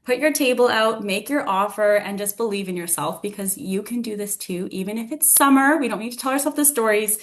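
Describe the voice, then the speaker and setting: A woman's voice: medium pitch, fairly quick, few pauses. A woman finishing a motivational team training on a video call, encouraging and loose with her words.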